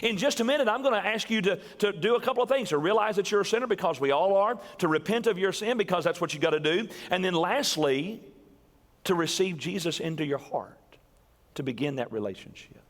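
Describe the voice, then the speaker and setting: High-voiced animated male preacher. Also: a little fast. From US South. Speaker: pastor. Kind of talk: sermon. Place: church sanctuary. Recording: long church reverb.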